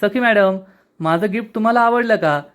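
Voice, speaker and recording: A man's voice: sits high, moderate pace, a bit bright, voice pushed up. A man doing a cheeky young taxi rider. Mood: teasing. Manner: haggling, insistent, teasing. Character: crafty young male bike taxi rider, stubborn and cheeky. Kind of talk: serial recap with retold dialogue.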